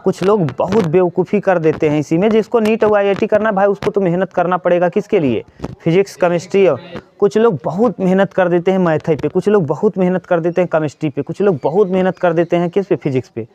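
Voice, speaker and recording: A man's voice: high voice, brisk, mellow. A male coaching teacher giving his students an earnest pep talk in the middle of a maths lesson, repeating his points and answering his own questions. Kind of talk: motivational talk to students during a maths class. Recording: dry, dull lo-fi sound.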